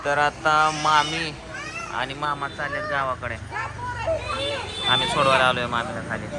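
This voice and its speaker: A man's voice: mid-range voice, little pitch movement, unhurried, very noisy. A man making a casual family vlog, talking to viewers and coaxing and scolding small children as he films. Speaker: vlogger.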